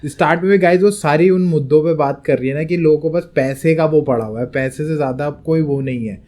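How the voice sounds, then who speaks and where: A man's voice: fairly high pitch, a little fast, warm tone. A young man co-hosting a rap reaction show, chatting casually in Hindi and English and explaining rhyme technique at length. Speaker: co-host reacting to a rap track.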